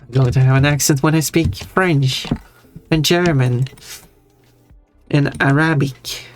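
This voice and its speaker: A streamer with a Swedish accent, chatting casually on a live stream in a rambling, halting way with frequent giggles. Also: mid-range voice, soft background music.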